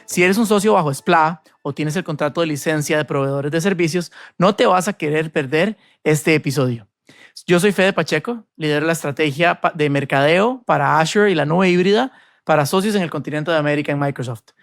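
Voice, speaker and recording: This is a man from Costa Rica who hosts a podcast. His voice sits fairly high and has a gravelly edge, and his delivery is polished and upbeat, like a prepared script. The mic is close and the sound is dry, with no room echo. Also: a little fast, soft background music. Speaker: podcast host. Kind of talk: scripted podcast intro and interview.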